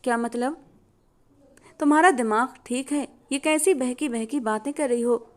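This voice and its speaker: A woman voicing a middle-aged, protective mother who questions in a rapid, anxious way. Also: high-pitched. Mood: alarmed.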